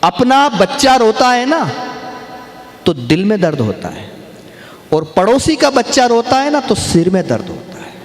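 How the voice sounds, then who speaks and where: A man performing as a stage poet, reciting humorous verse slowly and emphatically and teasing the crowd between lines. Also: high-pitched, big pitch swings. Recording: echoey stage sound in a reverberant venue.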